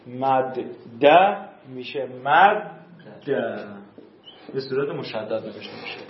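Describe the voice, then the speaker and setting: Male teacher, fairly high voice, patient and repetitive, in an echoey room. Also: highs cut off. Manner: slow, repetitive explaining with questions to students. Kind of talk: classroom grammar lesson.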